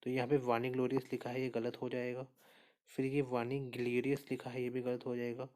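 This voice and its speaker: A man's voice: medium pitch, fairly quick. A man teaching an exam prep lesson, working through spelling questions one by one and often checking back with "okay". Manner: steady explainer, repeats answers and says "okay" often. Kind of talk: spoken lesson walking through quiz answers.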